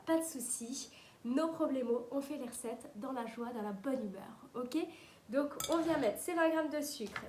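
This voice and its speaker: A woman's voice: fairly high pitch, noisy background. A woman hosting a live cooking stream, chatty and upbeat, greeting viewers and reading their comments as she works. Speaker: cooking host. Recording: echoey kitchen with clattering utensils.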